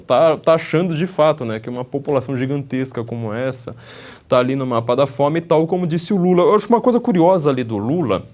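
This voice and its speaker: A man's voice: medium pitch, expressive, quick pace, a little mellow. A man with a Brazilian Portuguese accent giving sarcastic, opinionated political commentary on a panel show, dotting his talk with "né". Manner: sarcastic, mocking quotes, frequent "né" tags.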